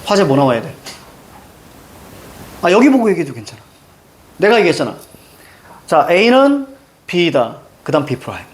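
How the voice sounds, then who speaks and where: Animated, high-pitched male teacher quizzing. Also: fast, pauses often. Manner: emphatic, quizzing students with constant check-ins. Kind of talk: Korean reading lesson.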